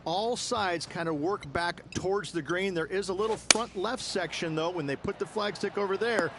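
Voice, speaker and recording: A man's voice: high-pitched, moderate pace, very noisy, close to an everyday voice. A man playing an easygoing golf analyst who explains the course in video game commentary.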